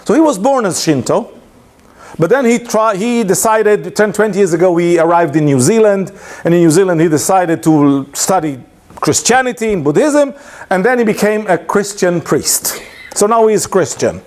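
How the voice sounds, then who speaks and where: With a voice that sits high and moves at normal speed, a man gives an informal lunchtime talk, telling a story full of hesitations and restarts. English is not his first language, and his storytelling is animated, with laughs.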